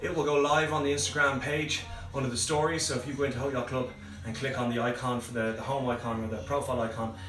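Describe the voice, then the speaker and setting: A man leading a live home workout as a fitness coach, giving brisk, encouraging cues and breathing prompts. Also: medium pitch, flat delivery. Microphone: phone livestream from a distance. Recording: roomy, far from the mic, faint music.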